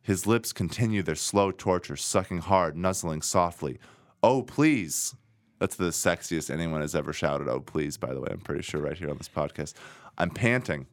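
A man co-hosting a podcast, reading a romance novel aloud with deadpan, sarcastic asides. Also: deep voice, normal speed, dry recording, studio quality. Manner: sarcastic, deadpan asides between read passages. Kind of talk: casual chat with dramatic reading.

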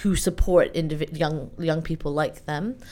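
Woman, interview guest, fairly low voice, lively and chatty, lots of "like" and "you know". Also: moderate pace. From Iran, raised in the UK. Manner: animated, chatty, many fillers. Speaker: event organizer, guest. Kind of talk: conversational interview.

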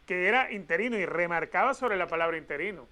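Bright high-voiced skeptical male panelist. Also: animated, fast talker. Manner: questioning, skeptical. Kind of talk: sports talk show discussion.

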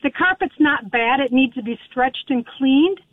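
A woman phones in with a question, her voice high and squeezed through a thin phone line. She talks in a hesitant, apologetic way, and the sound is dry and close. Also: moderate pace, no room sound. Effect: over the phone. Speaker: caller. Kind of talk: calling in with a question.

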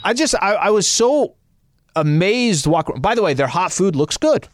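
A man's voice: sits high, very animated, moderate pace, noisy background. A man with an American accent, a radio co-host telling stories casually, repeating phrases and throwing out rhetorical questions for emphasis. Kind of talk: casual animated storytelling.

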